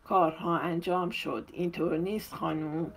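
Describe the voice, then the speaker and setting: A woman narrator voicing a gentle, quiet wife of the house in an audiobook, speaking softly. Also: on the low side, fairly even intonation, gravelly. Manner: soft, quiet speech. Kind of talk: audiobook character reading.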